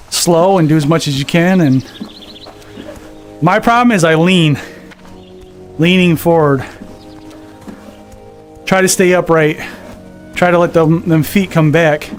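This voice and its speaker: A man chatting casually on a live game stream, out of breath from walking on a VR treadmill and reading viewer comments aloud. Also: a little high. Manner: reads viewer comments aloud and chats back. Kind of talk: casual live-stream chat while gaming. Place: home gaming setup on a VR treadmill.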